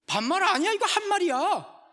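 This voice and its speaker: A sassy, wisecracking male waiter, put on by a preacher mid-sermon. He talks back in a cheeky voice that jumps high and sharp. The delivery is animated and bright. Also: normal speed, exaggerated voice.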